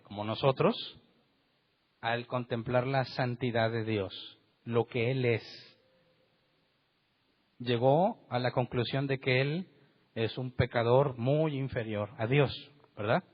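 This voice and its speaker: A husky-voiced man delivering a church sermon, pressing his points with rhetorical questions and acting out the voices in the passages he reads. The recording is dull and lo-fi. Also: medium pitch, slow. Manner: emphatic, rhetorical questions, acts out quotes. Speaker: pastor. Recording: dull lo-fi sound.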